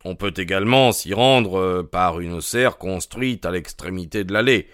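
A man's voice: low voice, a bit bright, smooth, dry recording, studio quality. Man reading a grave, cautious country doctor. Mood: factual. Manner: measured, earnest, reluctant. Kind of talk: audiobook character reading.

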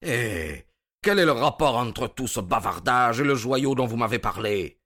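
An actor playing a cornered, impatient aristocratic criminal who answers with defensive, exasperated retorts, in radio drama acting. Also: male voice, mid-range voice, lively intonation, unhurried, fairly bright tone.

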